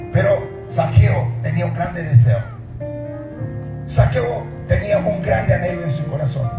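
At night on an outdoor stage, a middle-aged pastor with a high-pitched voice preaches an open-air sermon into a handheld mic, calling out to the congregation and shouting at the peaks. His voice comes through a PA and was filmed from far away, giving an echoey, distant sound.

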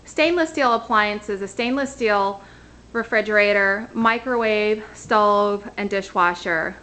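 A woman in her thirties, a real estate agent, speaks in a medium-pitched voice with a bright, forceful tone. Filmed on a handheld camera, she gives an upbeat walkthrough of a rental condo, starting outdoors at the front door and then moving through the empty unit, pointing things out room by room.

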